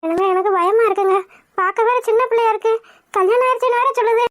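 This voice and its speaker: A woman plays a worried, motherly cartoon housewife who fusses over everyone. The voice sits very high and the read is dry and close. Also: fast talker, no room sound. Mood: worried, caring. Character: caring middle-aged village housewife, anxious. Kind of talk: cartoon voice acting.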